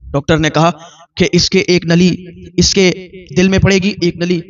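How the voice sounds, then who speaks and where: Brief: male preacher, high voice, earnest storytelling sermon, dull lo-fi recording. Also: flat delivery. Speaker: Islamic preacher.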